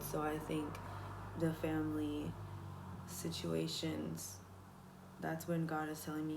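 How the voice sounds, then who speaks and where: A woman hosting her own channel, reading a daily devotional aloud and then reflecting casually, soft-spoken and hesitant with many pauses. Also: sits low, vocal fry, noisy background.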